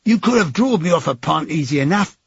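A man's voice: fairly high pitch, lively intonation, quick pace, breathy edge, no room sound, pitched above the performer's own voice, heavily acted. A man voicing a pugnacious, grumbling old working-class drinker, in an audiobook. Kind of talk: audiobook character voice. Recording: dry, dull lo-fi.

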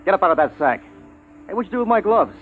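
A man's voice: sits high, lively intonation, fast talker, soft background music. An actor playing a brash male crewman in an old radio drama. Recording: tinny old radio broadcast.

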